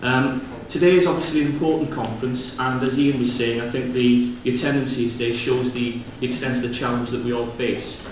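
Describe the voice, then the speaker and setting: A man with a Welsh accent opens a conference in a halting, semi-improvised way. His mid-pitched voice reaches the microphone from a distance, swimming in heavy room echo. He pauses often as he addresses the delegates. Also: fairly even intonation. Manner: hesitant, halting delivery with frequent pauses. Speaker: conference opening speaker, local government representative. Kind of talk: bilingual public speech, semi-improvised. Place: large indoor conference venue. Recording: distant, very echoey hall with clear noise.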